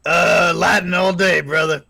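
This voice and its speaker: A man's voice: sits high, steady tone, measured pace, creaky, pushed and bright. A man co-hosting a casual livestream chat, joking around and laughing often. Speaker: co-host of a livestream.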